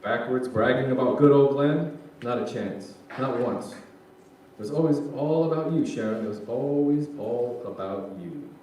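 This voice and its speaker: A man's voice: mid-range voice, unhurried, warm tone, natural voice. A man playing a grumbling, joking middle-aged son in a staged reading, casual and colloquial. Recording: echoey hall, distant mic, faint noise.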